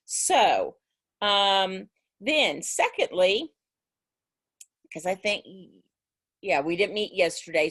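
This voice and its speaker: Woman, teacher, casual class chat, rambling, restarts often, video call. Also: on the low side. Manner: rambling, chatty, many restarts. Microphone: video call mic.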